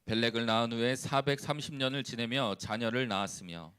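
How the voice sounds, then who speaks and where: A man who is a church evangelist, leading a responsive scripture reading and then preaching calmly with frequent hesitations. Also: medium pitch, clear, resonant tone. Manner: calm, unhurried, with frequent hesitations.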